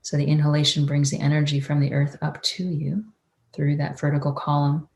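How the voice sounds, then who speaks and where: A woman with a low voice leads a guided breathing meditation. She keeps her intonation very even, with little rise or fall. Her manner is that of a mystical healer, soothing and unhurried as she gives instruction. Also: vocal fry. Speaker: energy-healing teacher.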